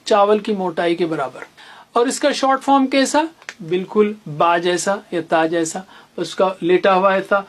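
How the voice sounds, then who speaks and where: A teacher giving a beginner's tajweed lesson, explaining letters through little memory stories and repeating each sound patiently. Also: medium pitch. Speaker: Quran teacher.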